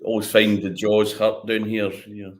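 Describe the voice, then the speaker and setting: Scottish man with broad Doric accent, lowish voice. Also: flat delivery, moderate pace. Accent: Doric, northeast Scottish. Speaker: interview guest, whisky maker. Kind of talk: casual chat.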